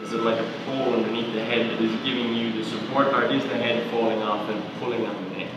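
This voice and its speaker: Male movement coach, calm guided body-scan cues, distant mic, roomy reverb. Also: mid-range voice, quick pace, noisy background. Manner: calm, questioning, step-by-step cues. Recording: echoey roomy sound from far off.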